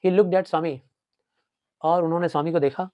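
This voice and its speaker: A man teaches a story in a mix of Hindi and English, going through it line by line, repeating points and asking questions. His voice is fairly high and dark in tone, with fairly even intonation and normal speed, captured in a dry, close recording.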